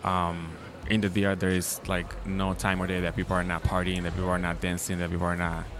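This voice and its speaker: Deep-voiced young man, rambling casual talk. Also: completely flat delivery, fairly quick, noisy background. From Dominican Republic. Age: 20s. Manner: rambling, lots of likes and ums. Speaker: guest DJ. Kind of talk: casual interview. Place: outdoors at a city festival. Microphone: handheld mic.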